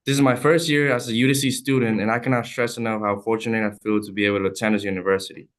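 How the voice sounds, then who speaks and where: A man's voice: lowish voice, level tone, rapid-fire. A young man from El Salvador, a student, reading prepared testimony at a hearing in an earnest, formal and heartfelt way. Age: young adult.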